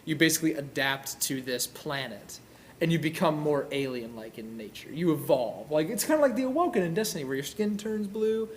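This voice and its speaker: Recorded by a distant camera in a large indoor auditorium, a young adult man co-hosts a casual gaming chat. He explains things eagerly, often restarting his sentences, in an animated, fairly quick, high-leaning voice with hardly any pauses. Slight background noise is present.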